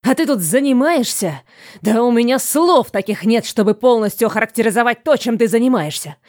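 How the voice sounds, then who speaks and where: An exasperated young sorceress who lets scorn color every word, voiced by a woman reading an audiobook. Her voice is fairly high. It is recorded close and dry. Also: lively intonation, fairly quick, a little mellow, dry recording, lightly acted. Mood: scornful.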